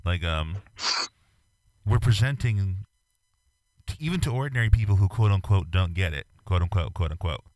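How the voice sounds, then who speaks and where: A man's voice: sits low, animated, normal speed, darkish tone, no echo. A man interviewing an artist over a call, speaking hesitantly with many ums as he thinks aloud. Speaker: magazine interviewer. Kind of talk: casual interview chat.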